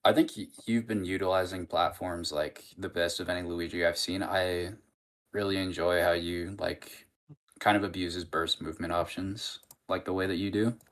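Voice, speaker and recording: A man's voice: deep voice, fairly even intonation, normal speed, fairly bright tone. A man chatting casually as an interviewer, with an informal, sweary, teasing manner. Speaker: interviewer chatting with tournament winner. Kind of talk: casual banter.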